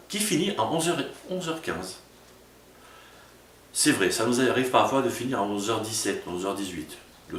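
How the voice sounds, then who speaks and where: A man's voice: lowish voice, a bit bright, slight background noise. A man, a pastor, giving an informal sermon-style talk to small groups and often asking "tu vois?". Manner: informal, addresses listener as tu, frequent "tu vois". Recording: roomy echo from a distance with faint ambience.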